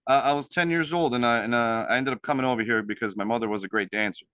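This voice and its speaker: A man's voice: medium pitch, fast talker, clean tone, dry recording. A young man from Hungary, a native Hungarian speaker, talking as a band guest in an interview, hesitant with many fillers. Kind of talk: casual interview. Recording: dull, lo-fi sound.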